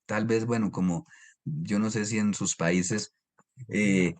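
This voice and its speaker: Colombian guy teaching an online bible class, explains slow and keeps asking "right?", computer mic. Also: fairly low pitch, steady tone. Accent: Colombian highland Spanish. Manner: explanatory, asks rhetorical questions and checks understanding. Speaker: Bible course lecturer. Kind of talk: online lecture with slides.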